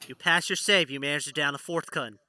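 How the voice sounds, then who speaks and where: A man's voice: on the high side, brisk, bright, forceful tone, no room sound. A man narrating a tabletop role-playing game as its playful game master.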